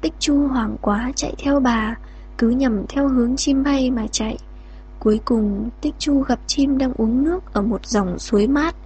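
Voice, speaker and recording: A woman narrating a fairy tale in a slow, gentle reading voice. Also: high voice, breathy edge. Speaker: storyteller.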